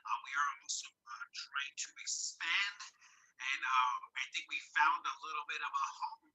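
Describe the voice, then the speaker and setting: A man's voice: mid-range voice, moderate pace, pushed and bright, slightly rough. A man co-hosting a casual local talk show over a remote line, his voice tinny and metallic like it is coming through a tin can, rambling with many fillers. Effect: tinny, metallic, garbled audio like a tin can. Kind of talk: casual chat.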